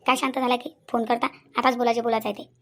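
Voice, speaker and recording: For a cartoon, a woman plays an angry young fiancée in a high, slightly bright voice with a Vidarbha Marathi accent and little pitch movement. The performance is lightly acted but very fast, full of accusing questions she keeps repeating.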